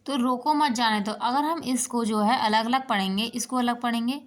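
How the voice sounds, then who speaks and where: Speaking at a normal speed in a slightly high voice, a woman teacher writes on a board as she explains an exam-prep lesson. She keeps repeating "ठीक है" to check in and asks herself rhetorical "क्या है" questions.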